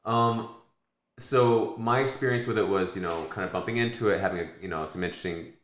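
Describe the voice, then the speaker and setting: A very deep-voiced American man talks quickly on a podcast, looping through fillers and restarts as he works out his points. The sound carries the echo of a live room. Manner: rambling, self-correcting, many fillers. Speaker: podcast co-host. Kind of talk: casual podcast chat.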